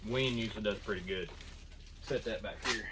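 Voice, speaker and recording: A man's voice: fairly low pitch, normal speed, noisy background. A man hosting his woodworking channel, talking casually and rambling through an unboxing in his shop. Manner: rambling, self-deprecating, restarts often. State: out of breath.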